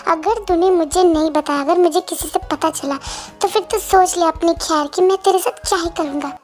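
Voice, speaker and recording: A woman's voice: very high voice, moderate pace, soft background music. A woman voicing a hot-tempered older brother who scolds, mocks and threatens his younger sibling, in a fan-dub drama. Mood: mocking.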